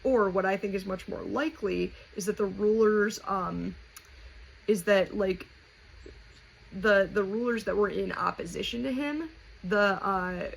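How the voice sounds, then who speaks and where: At a measured pace and in a mid-range voice, a woman hosting a poetry explainer reasons aloud through a casual lesson, keeping it conversational. It's a home recording with clearly noticeable noise.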